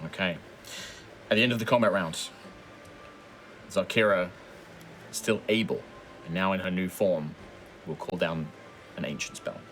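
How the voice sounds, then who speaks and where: A man's voice: sits low, unhurried, long pauses, fairly bright tone, a little hiss or hum. A man improvising dramatic, descriptive narration as game master of a tabletop game.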